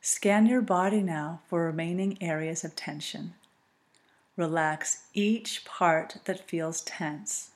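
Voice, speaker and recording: Slow, soothing woman guiding relaxation. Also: fairly low pitch. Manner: calm, soothing, slow with long pauses. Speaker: relaxation guide. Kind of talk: scripted guided relaxation narration.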